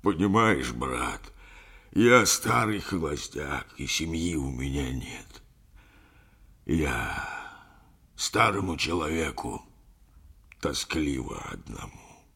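A man's voice: on the low side, expressive, moderate pace, gravelly, a bit bright, slightly rough, heavily acted. A man voicing an older, sentimental sea captain who rambles through a yarn in an audiobook. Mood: tender. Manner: rambling folksy storytelling, addresses listener as brother. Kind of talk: audiobook character reading.

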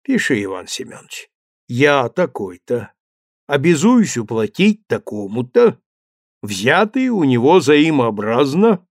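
A man's voice: medium pitch, big pitch swings, slow pace, dry recording, studio quality, heavily acted. A man voicing a shrewd, greedy old male official who bargains hard, in an audiobook. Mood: bargaining. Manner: wily, bargaining. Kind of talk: audiobook character reading.

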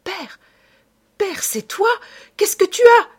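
A woman voicing a frightened young girl with a high, trembling, urgent voice. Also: lively intonation, slow, darkish tone, full character voice. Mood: terrified.

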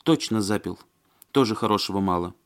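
A man's voice: on the low side, fairly quick, fairly bright tone, voice pushed up, natural voice. In this audiobook, a flustered and talkative grown woman complains in a raised, plaintive voice, as a man puts her on. She chatters on anxiously and fusses at whoever is listening. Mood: agitated. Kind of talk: audiobook character voice.

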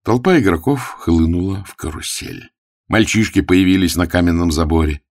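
Man quietly reading stage directions. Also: low-pitched, normal speed, no room sound, clean studio sound. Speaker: reader. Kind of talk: scripted reading of a play.

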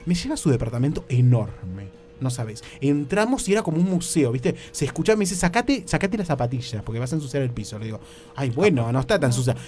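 A man's voice: medium pitch, very animated, quick pace, darkish tone, soft background music. A man with an Argentine accent telling a comic story on the radio, jumping into exaggerated voices and constantly asking "¿viste?". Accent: Rioplatense Argentine Spanish. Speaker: radio comedy host.

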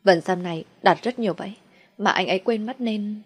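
A woman storyteller voicing a timid young woman who speaks haltingly. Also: medium pitch, husky, faint music behind, natural voice. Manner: hesitant, halting.

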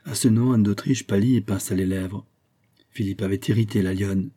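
Low, dark-voiced male audiobook narrator. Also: steady tone, moderate pace, slightly rough. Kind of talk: scripted narration of a classic novel.

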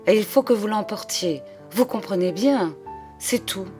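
A woman voicing a proud, desperate young woman in a storybook reading, speaking hushed and strained. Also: on the low side, level tone, a little slow, faint music behind, natural voice. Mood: strained pleading. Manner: hushed then sharp and strained.

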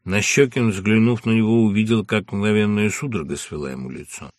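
A man narrating a literary audiobook in an expressive, varied reading. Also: lowish voice, brisk, dry recording, studio quality.

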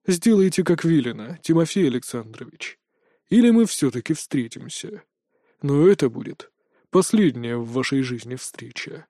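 A man voicing a cold, curt male handler who speaks in a dry, quietly threatening way over the phone, in an audiobook. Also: mid-range voice, big pitch swings, normal speed, no echo, voice pushed down.

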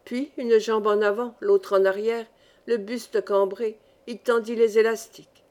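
A woman narrating a village story as an audiobook reader, with lively storytelling. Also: fairly high pitch, a little slow. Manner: lively storytelling, varied pace. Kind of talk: scripted narration.

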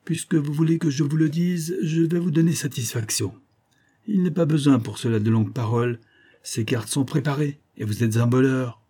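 A man's voice: medium pitch, a little fast, mellow, natural voice. A man voicing a cool, authoritative aristocratic duke who accuses a cheat in an audiobook. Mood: commanding. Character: nonchalant commanding aristocratic duke.

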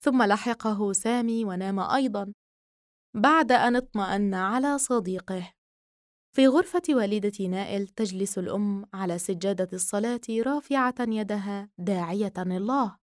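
A woman reading a novel aloud as an audiobook narrator, in measured literary narration. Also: mid-range voice, dry recording, clean studio sound. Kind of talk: scripted narration.

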